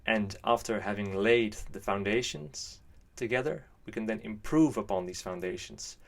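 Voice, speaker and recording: A Dutch man in his twenties with a lowish, gravelly voice gives an earnest, carefully hedged scripted monologue as a channel host. He speaks at normal speed with a Dutch accent, and there's no room sound.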